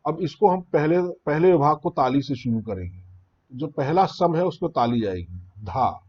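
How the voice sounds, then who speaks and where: A man's voice: fairly high pitch, muffled recording. Man teaching tabla, patient explainer. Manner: recites drum syllables slowly, then explains plainly. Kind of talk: spoken music lesson.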